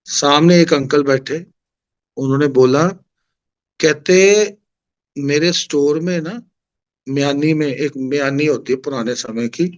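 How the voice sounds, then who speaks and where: A man's voice: a little high, slow pace, pauses often, lo-fi sound. A middle-aged man with a Punjabi accent, telling a devotional story at a satsang in a conversational way and acting out the dialogue. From Punjab, India. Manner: conversational, acts out quoted dialogue. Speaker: satsang devotee sharing experience.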